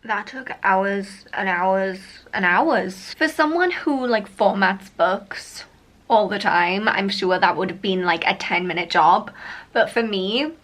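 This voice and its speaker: A young woman vlogging casually to camera, chatty and excitable, rambling with lots of "like"s and sounding tired. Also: medium pitch, slow. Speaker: vlogger and author. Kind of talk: casual vlog chat to camera.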